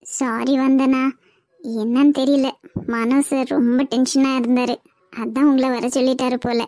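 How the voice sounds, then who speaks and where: A high-voiced young receptionist. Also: female voice, little pitch movement, moderate pace, mellow, no echo, clean studio sound. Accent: Kanyakumari Tamil. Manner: apologetic, explaining. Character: chatty young female office receptionist.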